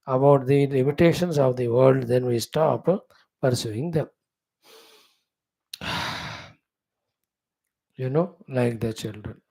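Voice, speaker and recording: A man with a North Indian accent gives an informal spiritual discourse. His voice is creaky and gravelly, with a soft, mellow tone. He explains as a teacher does, in short broken phrases with checking questions. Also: medium pitch. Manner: explanatory, halting phrases, checks with "isn't it", slips into Hindi.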